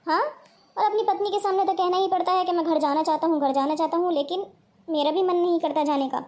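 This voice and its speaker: A woman's voice: extremely high pitch, fairly even intonation, fast, a little mellow. A woman voicing a smug, boastful young son-in-law in a cartoon. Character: lazy freeloading young son-in-law, man. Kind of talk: cartoon voice acting.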